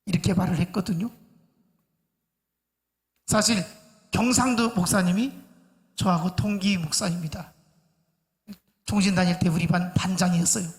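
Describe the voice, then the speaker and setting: A male pastor preaching a sermon to his congregation, in a slow, measured way with many pauses. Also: high-pitched. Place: church sanctuary. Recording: church hall reverb.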